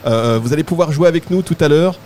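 A man hosting a live talk at a shop event, playful and teasing, with quick asides and jokes. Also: a little high, darkish tone, a little hiss or hum. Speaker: host.

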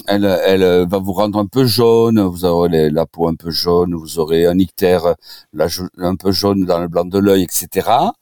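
A man speaking as a doctor on a radio show, giving informal health advice in a halting way, often repeating and restarting words. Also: low voice, warm tone, clean tone, dry recording, studio quality.

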